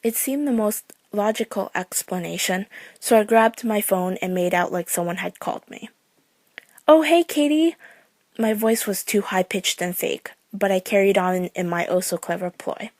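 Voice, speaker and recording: A woman's voice: mid-range voice, steady tone, normal speed, a little mellow, no echo. Woman narrating a scary story, dry sound.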